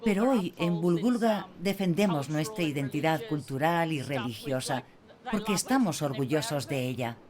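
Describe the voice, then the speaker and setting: A woman's voice: deep voice, expressive, moderate pace. A woman from Australia answering interview questions about her community, speaking in an earnest, proud way. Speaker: interviewee, local community historian. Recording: crowd chatter behind.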